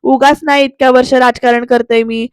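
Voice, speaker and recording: A woman's voice: sits high, steady tone, brisk, no room sound, clean studio sound, close to an everyday voice. A woman voicing a scheming older father who talks slyly and confidently.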